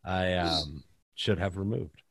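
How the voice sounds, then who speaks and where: A man hosting a casual podcast, joking and animated as he talks over a video call. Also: sits low, takes it slowly, no echo, clean studio sound. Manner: animated, joking, sings the intro. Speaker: podcast host.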